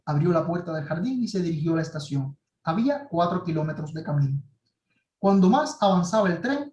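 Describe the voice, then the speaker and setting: A male writing workshop teacher reading a short story aloud in measured, dramatic tones. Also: a little high, a little mellow. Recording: roomy echo.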